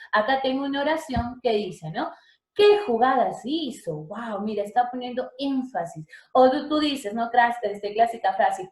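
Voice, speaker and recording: Chatty woman teaching, roomy echo. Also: a little high. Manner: chatty, checks in with students often. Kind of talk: online language lesson.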